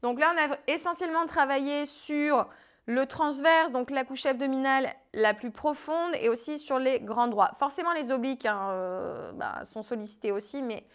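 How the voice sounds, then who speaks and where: A woman with a French accent coaching a home core workout, calmly cueing breath and movement and now and then stumbling over a word. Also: high voice, moderate pace. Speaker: fitness coach. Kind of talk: guided home workout instruction. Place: home living room.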